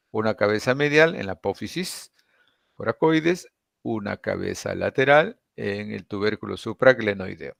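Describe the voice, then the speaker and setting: A man teaching an introductory anatomy class, explaining step by step and often checking in with quick tag questions. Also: medium pitch, creaky, fairly bright tone, no room sound, clean studio sound. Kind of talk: lecture.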